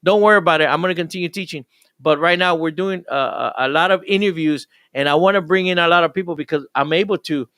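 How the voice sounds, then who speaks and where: A man's voice: on the high side, fairly bright tone, no room sound, clean studio sound. An older man, a pastor hosting a live radio show, talking in an enthusiastic, rambling way with frequent restarts.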